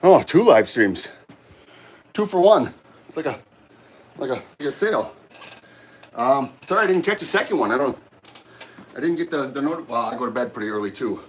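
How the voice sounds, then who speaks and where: A man's voice: medium pitch, animated, fairly bright tone, a little hiss or hum. Breathless middle-aged man chatting mid-workout. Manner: halting, friendly, rambling with many restarts. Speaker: livestream host. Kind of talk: casual chat while working out on a livestream. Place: gym during a workout. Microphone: camera set up nearby.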